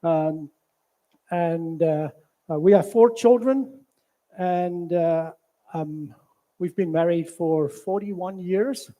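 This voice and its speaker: In a church hall, a South African physician in his sixties delivers a halting health talk in a South African accent, full of fillers. His voice is fairly high and warm.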